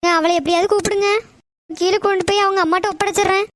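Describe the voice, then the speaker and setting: A woman voicing an anxious, tearful young woman in an animated love story, talking in a fretful, pleading way. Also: extremely high pitch, quick pace, slight background noise. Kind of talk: cartoon voice acting.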